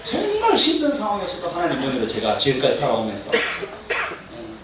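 A man, a deacon giving an earnest church testimony with chuckles and lively storytelling. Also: a little high, normal speed. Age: 60s. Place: church training hall. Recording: echoey hall from far off with noise.

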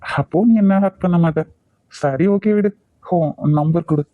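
A man's voice: on the high side, measured pace, phone-quality sound, natural voice. A man voicing a cocky male college senior with a Kanyakumari Tamil accent, teasing and domineering. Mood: smug.

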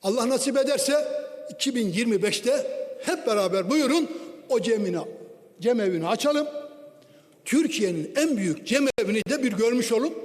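A man's voice: high voice, darkish tone. A man, a member of parliament, giving a formal, declamatory speech at a lectern microphone in a large parliament chamber. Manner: declamatory, with rhetorical questions. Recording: long hall reverb.

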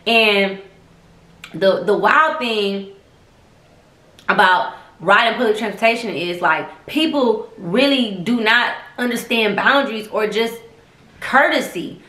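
A young woman tells a story in an animated, sassy and foul-mouthed way. Her voice is bright and forceful, and the room adds a roomy echo. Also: mid-range voice, slow pace. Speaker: host. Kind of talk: casual storytelling monologue.

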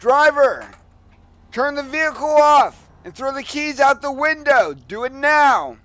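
A man shouting drawn-out, commanding police orders as if over a bullhorn in a game role-play. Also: extremely high pitch, animated, dry recording. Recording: noisy game audio with vehicle sounds.

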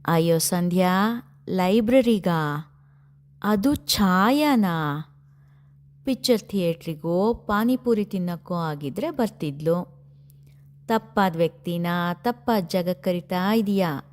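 A woman voicing a playful young woman who teases in a mocking, drawn-out way. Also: fairly low pitch, flat delivery, dark tone, natural voice. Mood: teasing.

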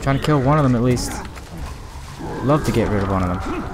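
A man's voice: medium pitch, animated, a little fast, very noisy. A man giving casual commentary while playing a video game, muttering and swearing in frustration. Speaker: let's play gamer.

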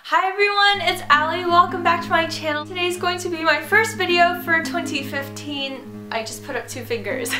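A young woman in her twenties films a casual fashion haul vlog from her bedroom, chatting in a bubbly, enthusiastic way. She has a cold, so her very high voice sounds congested, though she talks at normal speed. The recording has a roomy echo and background music.

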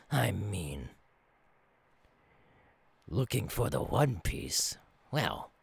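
Buggy the Clown, gravelly ASMR role-play. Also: male voice, deep voice, full character voice. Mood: musing. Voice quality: raspy, gravelly. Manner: theatrical, drawling, swinging between hushed threats and barks. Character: menacing, gleefully cruel clown pirate captain.

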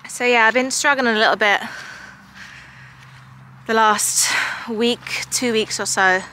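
Woman in her 30s, vlogging, crisp bright voice, lots of likes and ums, very open. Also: on the high side, steady tone, slow pace, slight background noise. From United Kingdom. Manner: rambling, filled with likes and ums; frank, confiding. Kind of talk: casual chat to camera.

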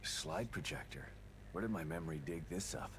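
A bold, brooding game hero played by a man, a weary American ex-detective. His gruff voice sits extremely low, with clear noise behind it. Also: normal speed, natural voice. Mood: musing, weary. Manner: bold, brooding heroic delivery. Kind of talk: video game acting. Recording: game audio under clear background noise.

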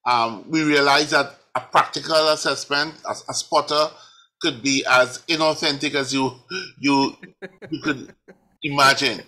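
A male professor speaking on an academic panel over a video call, measured and often restarting his phrases. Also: medium pitch, steady tone, bright, forceful tone, rough recording. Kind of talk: panel discussion.

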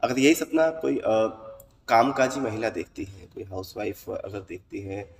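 A man with a fairly low voice speaks in a measured, explanatory way, pausing now and then with "uh" as he walks his listeners through the meaning of a dream. He sounds set back from the mic, and a long echo rings around him as if he were in a bare room. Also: animated, distant mic, soft background music. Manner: measured and explanatory, with frequent "uh" pauses. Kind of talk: explanatory talk to camera audience.

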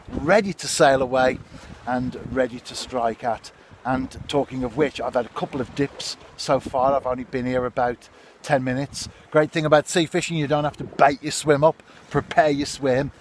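A man in his fifties vlogs about fishing from seaside rocks, chatting without hurry to his audience through a phone camera held at arm's length. He speaks in a mid-range voice, with slight background noise.

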